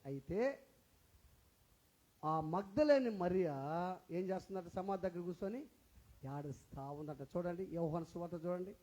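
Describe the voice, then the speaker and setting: A man's voice: high-pitched, a little mellow, rough recording. A male pastor preaching an Easter sermon in a church, repeating phrases and firing questions at the congregation.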